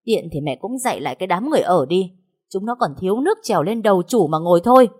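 A woman's voice: mid-range voice, animated, fast, darkish tone, husky. Woman doing a cold domineering young husband. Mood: angry. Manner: harsh, commanding.

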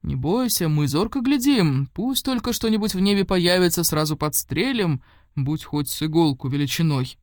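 A woman reading an audiobook, voicing a group of confident guards shouting reassurance. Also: on the low side, lively intonation, moderate pace, no echo, studio quality, close to an everyday voice. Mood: boastful. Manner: bold, reassuring.

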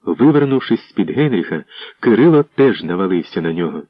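A man narrates a historical tale in a low voice, with measured, scripted storytelling. The audio is dull and lo-fi, like an old radio broadcast, and sounds dry and close. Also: big pitch swings, no room sound.

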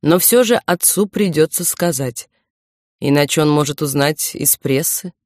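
A woman voicing a confident young man who questions his girlfriend carefully and gently. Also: sits low, measured pace, dry recording, studio quality. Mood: gentle probing. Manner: careful, soft-spoken, self-assured.

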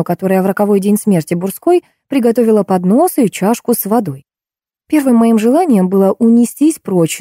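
A woman reading a first-person audiobook in a steady storytelling manner. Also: medium pitch, no echo, clean studio sound. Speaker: audiobook narrator.

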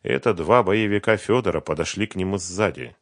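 A man reading a crime thriller audiobook in a steady, even storytelling manner. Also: low voice, brisk, dry recording, clean studio sound. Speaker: audiobook narrator. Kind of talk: scripted narration.

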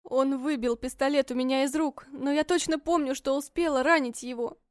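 A woman's voice: high voice, steady tone, moderate pace, dry recording, clean studio sound, lightly acted. A woman voicing a terrified, injured young wife in an audiobook, pleading in a shaky, tearful way. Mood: frightened. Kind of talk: audiobook character reading.

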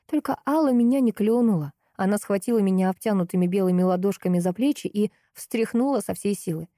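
Mellow-voiced woman narrating a novel. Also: medium pitch, fairly quick, no room sound, clean studio sound. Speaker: audiobook narrator. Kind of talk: first-person novel narration.

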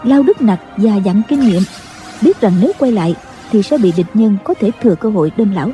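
Woman audiobook narrator, steady and mellow, with faint background music. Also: medium pitch, a little fast. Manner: steady storytelling. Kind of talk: scripted narration.

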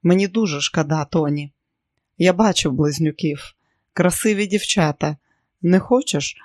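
Reader doing a calm older doctor, sorry and steady, dry close sound. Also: medium pitch, no echo, lightly acted. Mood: regretful. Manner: measured, regretful.

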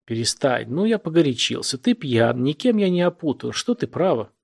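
A man's voice: medium pitch, sing-song, moderate pace, gravelly, a little mellow, husky, heavily acted. A man voicing a weary, helpless young man. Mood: pleading. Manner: exhausted, pleading.

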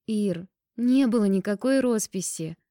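A woman's voice: mid-range voice, animated, a little slow, warm tone, no room sound, clean studio sound, pitched above the performer's own voice, lightly acted. A woman reading an audiobook and voicing a playful, dreamy young woman in love. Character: sly, happy young woman student in love.

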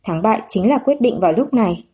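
Haughty young ex-prince talking himself into courage, as a woman narrator puts him on; mellow, husky read. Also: a little high, lively intonation, fast talker. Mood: determined. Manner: self-assuring inner thoughts. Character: proud young man, a former prince, hiding nerves.

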